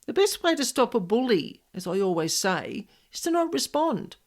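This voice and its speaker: A podcast host who specializes in the paranormal tells personal stories and gives advice in an informal, emphatic monologue, repeating key words for stress. Her voice is on the high side and very animated, at a moderate pace.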